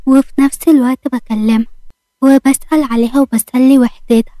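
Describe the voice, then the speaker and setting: A woman voicing a gentle young wife in an Egyptian Arabic story, explaining herself in a soft, earnest way. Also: sits high, steady tone, fairly quick, dry recording, natural voice. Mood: pleading.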